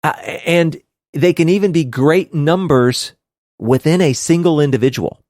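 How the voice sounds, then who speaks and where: A man co-hosting a casual Bible study podcast, animated and quick to laugh, with hammy outbursts. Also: a little high, dry recording, studio quality. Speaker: podcast co-host teaching scripture.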